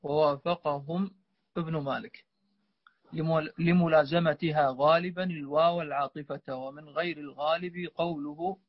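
A man with a fairly high voice reads a classical text aloud for the class, going carefully and stumbling now and then. The recording sounds dull and muffled, with a dry, close room. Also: steady tone, moderate pace, dry recording. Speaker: student reading the text aloud.

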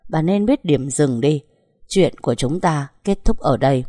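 A woman's voice: sits low, animated, normal speed, no room sound. Woman doing a fierce scolding mother. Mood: cold. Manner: scolding, sharp, raised. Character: fierce protective middle-aged mother.

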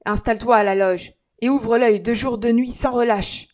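A woman reading aloud voices a stern young man who gives orders and threatens in a loud, commanding tone. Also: a little high, steady tone, normal speed, natural voice. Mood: menacing. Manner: commanding, menacing.

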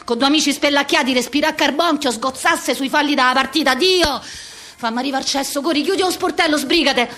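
Playing a frantic, foul-mouthed office worker around fifty, a woman delivers a coarse, rhythmic slang rant with a Roman accent in a theatrical monologue. Her voice sits high, brisk and fairly bright.

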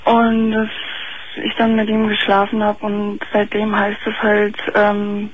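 A woman in her twenties phones in to a radio talk show, her medium-pitched voice totally flat, a bit slow and breathy. She hesitates often and leans on fillers. The muffled line carries faint hiss, making her sound distant and thin.

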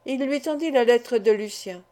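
Woman reading an old novel aloud, measured and steady, soft warm tone, a bit high. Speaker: audiobook narrator. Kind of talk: scripted narration of a classic novel.

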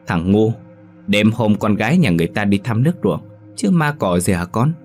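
A man's voice: fairly low pitch, animated, normal speed, soft background music, close to an everyday voice. A man voicing a brash, rowdy young village man who talks in a coarse, mocking way. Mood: irritated. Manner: coarse and mocking, then panicked.

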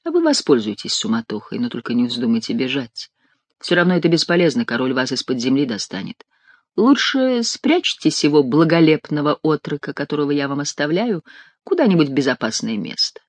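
A man reading an audiobook, voicing a playful, sly young male courtier with a lively, teasing delivery. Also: fairly high pitch, a little fast, dry recording.

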